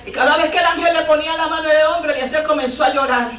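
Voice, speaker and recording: High-voiced woman preaching in an echoey church. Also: rapid-fire, a bit bright, far from the mic. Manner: fervent storytelling with exclamations of praise. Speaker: missionary preacher. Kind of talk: Pentecostal sermon testimony. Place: church sanctuary. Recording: echoey church recorded from afar.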